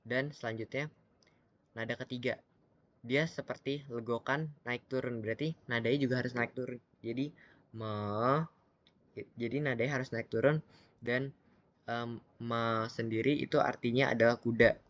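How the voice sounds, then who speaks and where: A man's voice: mid-range voice, steady tone, a bit bright, no echo, dull audio. Patient man drilling Mandarin syllables. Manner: slow, patient, with many pauses and fillers; drills syllables aloud in repeated pairs. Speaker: Mandarin pronunciation teacher. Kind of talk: slide presentation lesson.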